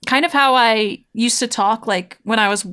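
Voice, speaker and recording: Somewhat high and smooth, her voice comes across pushed and bright at a moderate pace. She's a woman streaming online mahjong as a VTuber, loosely chatting with viewers in slang and thinking out loud while she plays.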